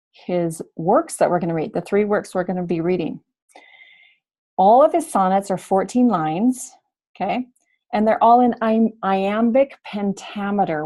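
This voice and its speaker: Woman teacher, online class lecture, slow, mellow, explanatory. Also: mid-range voice. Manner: slow, explanatory, thinks aloud. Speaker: high school humanities teacher.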